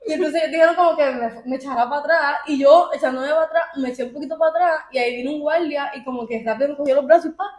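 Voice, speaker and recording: Young woman vlogger, high voice, excited storytelling, roomy echo. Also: rapid-fire, few pauses. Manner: excited, laughing, tumbling restarts. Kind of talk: storytime chat. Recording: echoey room.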